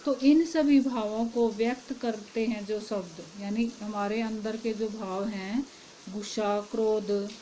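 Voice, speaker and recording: A woman's voice: mid-range voice, slow pace, warm tone, a little hiss or hum, rough recording. A woman teaching a Hindi grammar lesson, asking her class questions and then answering them herself.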